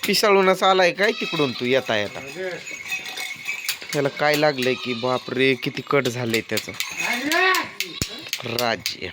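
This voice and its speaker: A man's voice: mid-range voice, measured pace, long pauses, heavy background noise. A man filming his family on a phone in a farmyard, scolding and teasing them in a blunt, casual way. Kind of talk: casual home vlog. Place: farmyard at home with animals. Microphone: phone camera.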